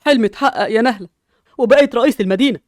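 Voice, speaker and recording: A proud, self-satisfied father with an Egyptian accent, firm and fast-talking in a fairly high voice, played by a woman. The recording is dry and close. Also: a little mellow, no echo, lightly acted. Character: proud newly elected father, a man.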